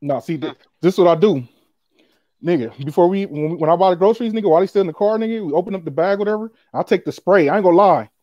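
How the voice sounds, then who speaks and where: A man hosting a casual livestream chat, talking fast in loose slang. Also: high voice, no room sound, lo-fi sound. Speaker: podcast host.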